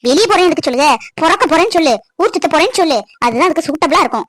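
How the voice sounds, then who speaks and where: A sharp-tongued young wife who scolds and complains in long rapid rants. Her voice is very high and squeaky, sped up like a cartoon, and sits dry and close to the mic. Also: animated, no room sound. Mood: complaining. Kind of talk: cartoon voice acting.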